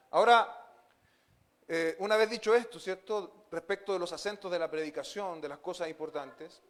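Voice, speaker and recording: Male pastor, high-pitched, earnest sermon delivery full of amens. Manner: earnest, with frequent fillers and repeated amens. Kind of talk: expository sermon.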